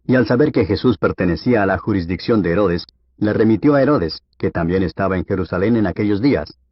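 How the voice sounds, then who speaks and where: A man reading scripture aloud for an audiobook in a steady, measured way. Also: fairly low pitch, breathy edge. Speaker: Bible reader. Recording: dull, lo-fi dry recording.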